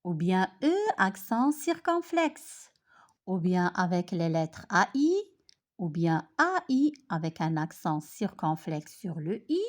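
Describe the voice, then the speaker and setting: Slow, lively woman teaching pronunciation. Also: on the low side. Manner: clear, deliberate word-by-word pronunciation, repeating words. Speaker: French teacher. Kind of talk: slow spoken language lesson.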